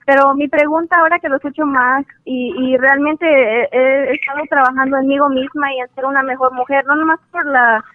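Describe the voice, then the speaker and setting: A woman's voice: high voice, fairly even intonation, fairly quick, few pauses, dry recording. A woman calling an advice show in casual, American-accented Spanish, hesitant and searching for her words. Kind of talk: casual conversation. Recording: tinny narrowband phone call.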